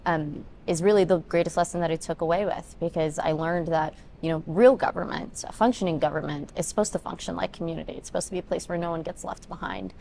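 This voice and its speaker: Twenties woman, political candidate, low creaky delivery, earnest long answers, faint background noise. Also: fairly even intonation, quick pace, hardly any pauses, dark tone. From Ethiopia, raised in Denver. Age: 20s. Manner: earnest, talks in long run-on points with many ums. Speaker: congressional candidate.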